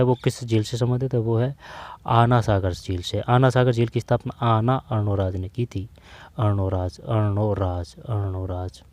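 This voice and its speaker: A man runs through exam questions in a relaxed tutoring style. His tone is dark and mellow, and the recording is dry and close. He repeats each answer several times and keeps checking in with the listener. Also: mid-range voice, dry recording. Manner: repeats key answers, frequent "theek hai" check-ins. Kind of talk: casual exam-prep lesson.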